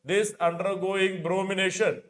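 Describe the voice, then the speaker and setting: Speaking slightly slowly in a high, level tone, a middle-aged Indian-accented man teaches an exam coaching class in chemistry. He goes through questions and repeats important phrases to drive them home. A lapel microphone picks him up in an indoor studio equipped with a digital board.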